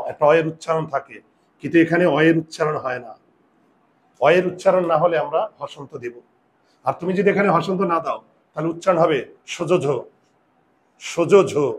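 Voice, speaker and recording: A man teaching a grammar lesson, explaining step by step, asking his students questions and saying example words very slowly. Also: on the high side. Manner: drawn-out slow example words. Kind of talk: classroom pronunciation lesson.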